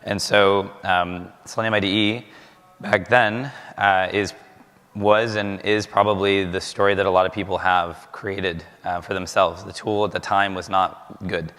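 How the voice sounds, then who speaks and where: A man delivers a talk from a conference stage, his voice very low and a little worn from overuse. He pauses often with ums and uhs, and the sound trails off into the long reverb of a large hall. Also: little pitch movement, fairly bright tone, smooth. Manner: halting, many ums and uhs. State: losing his voice, clearing throat. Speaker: conference speaker.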